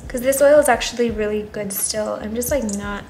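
With faint music behind her, a young woman who vlogs about plants chats fairly quickly in a fairly high, slightly mellow voice while repotting at a table indoors. Congestion leaves her nasal and partly voiceless, and she rambles in a self-doubting way, heavy on fillers, trailing into murmured asides.

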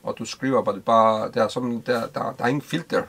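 A middle-aged man from Denmark interviewing casually in a small boat cabin, halting and repeating words. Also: mid-range voice, steady tone, vocal fry, a bit bright.

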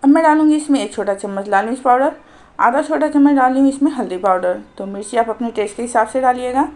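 A woman hosting a cooking channel, calmly narrating a recipe step by step as a voice-over. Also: a little high, fast. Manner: calm, instructive, explains each step.

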